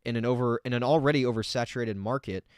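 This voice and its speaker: A man's voice: medium pitch, fast, clear, resonant tone, dry recording, clean studio sound. A man hosting a casual reaction commentary, talking in a rambling, filler-heavy way and swearing bluntly. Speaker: reaction video host.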